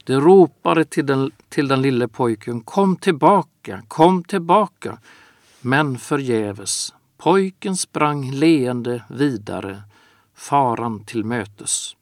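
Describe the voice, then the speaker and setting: A man preaching a sermon in a slow, earnest manner, drawing out his phrases. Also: medium pitch, animated, a little mellow, no room sound, clean studio sound.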